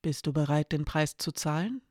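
A narrator voicing an eerie, calm being from a mirror that takes the shape of a thin, pale woman and speaks curtly in an audiobook. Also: mid-range voice, moderate pace, no echo, studio quality, lightly acted. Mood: cool, terse.

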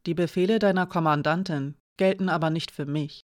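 A cool, wry young thief who speaks in few, measured words and keeps her distance, voiced by an audiobook reader. The sound is dry and close. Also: mid-range voice, steady tone, no echo, natural voice.

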